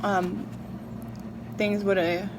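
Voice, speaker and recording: A woman chatting casually and confessionally to viewers while eating, reflective and halting, with drawn-out words and pauses. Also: mid-range voice, level tone. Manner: chewing and eating while talking. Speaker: mukbang vlogger. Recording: clearly noisy background.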